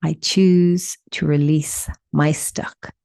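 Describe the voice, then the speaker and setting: A woman guides a meditation in a mellow, soft-edged voice pitched a little low, steady in tone and with some vocal fry. She offers simple, soothing instructions separated by deliberate pauses, in a dry, close recording with no room sound.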